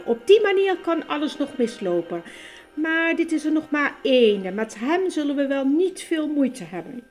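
A woman voicing a cold, imperious queen in an audiobook, haughty and commanding. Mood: scheming. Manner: haughty, commanding, high and loud. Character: cold, imperious queen, menacing then falsely sweet. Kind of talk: audiobook character voice.

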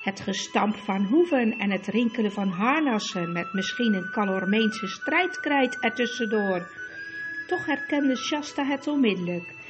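A woman reading a storybook aloud in a measured way. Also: medium pitch, expressive, highs cut off, music in the background. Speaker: audiobook narrator. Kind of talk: storybook narration.

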